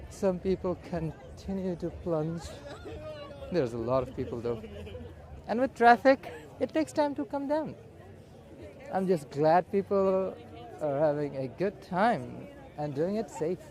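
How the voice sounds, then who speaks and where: A man giving casual, unhurried walking commentary as a live vlogger, speaking in short observational phrases outdoors. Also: high-pitched, expressive, a little mellow. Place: outdoors at a busy beach and streets. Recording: outdoor crowd and street bustle. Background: crowd.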